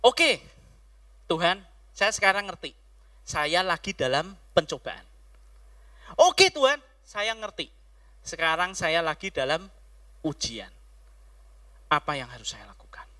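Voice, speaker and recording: A male pastor giving an animated sermon, swinging from loud calls to hushed words. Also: fairly high pitch, unhurried, long pauses.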